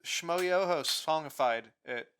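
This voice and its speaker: A man's voice: fairly high pitch, takes it slowly, a bit bright, smooth. A man co-hosting a casual podcast, laid-back and chiming in with dry quips. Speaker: podcast co-host.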